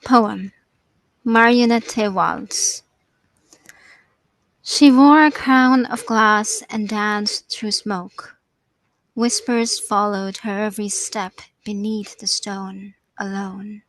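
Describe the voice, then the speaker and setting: A young woman, a dubbing artist, reading a poem aloud slowly, with deliberate, expressive delivery. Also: medium pitch, no echo. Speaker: poet and reader, voice dubbing artist. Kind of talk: poetry reading and casual chat.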